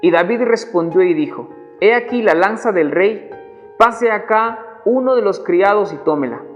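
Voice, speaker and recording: Guy from ecuador preaching, earnest, kinda muffled recording, soft music underneath. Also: high-pitched, lively intonation. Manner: earnest, halting with repeated words. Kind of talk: devotional sermon. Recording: dull recording in a reverberant hall, soft music behind.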